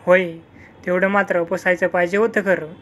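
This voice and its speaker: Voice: medium pitch, flat delivery, normal speed, fairly bright tone, natural voice. A storyteller voicing an older village man who talks in a rustic, chatty way. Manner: rustic village dialect speech. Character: old village man Taral, rustic and talkative.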